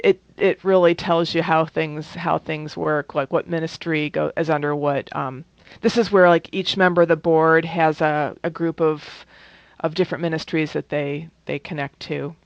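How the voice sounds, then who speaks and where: A woman's voice: lowish voice, dry recording. Woman leading a workshop, dull dry recording. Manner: conversational, many fillers and restarts. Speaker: workshop trainer. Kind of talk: training presentation.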